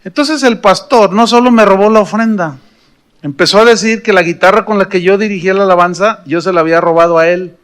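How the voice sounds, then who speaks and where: A middle-aged pastor with a Mexican accent, his voice sitting high for a man. He preaches in an animated, humorous way, telling stories and throwing questions at the congregation. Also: brisk, clear, resonant tone. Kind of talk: storytelling sermon.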